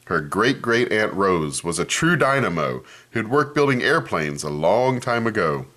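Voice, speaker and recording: A lowish-voiced man reads at a measured pace from a picture book for kids. His delivery is expressive, like a storyteller's, and he comments on the pages throughout.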